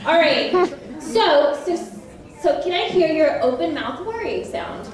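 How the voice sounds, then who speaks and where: High, chatty woman in an echoey hall. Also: a little slow, recorded from a distance. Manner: chatty and animated, laughs often, quizzes the audience. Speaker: voice actress on a convention panel. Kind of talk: convention panel talk to an audience. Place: large convention panel room.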